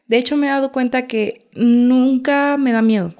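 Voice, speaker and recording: A young woman with a Mexican accent, telling her experiences in a casual, lively interview and acting out what people said. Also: high-pitched, normal speed. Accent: Mexican Spanish. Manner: lively, acts out quotes, frequent fillers. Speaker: guest.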